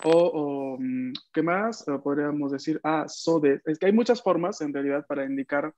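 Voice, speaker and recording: A man's voice: fairly high pitch, normal speed, a little mellow. A man teaching an online class, patiently repeating phrases for students to echo back. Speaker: language teacher. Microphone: video call. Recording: dull dry video-call audio.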